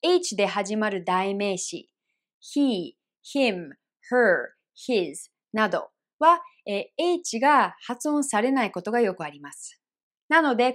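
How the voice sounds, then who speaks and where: A woman teaching English pronunciation in an online lesson, explaining clearly and repeating example phrases slowly. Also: on the high side. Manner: clear, careful explanations with slow repeated demonstrations.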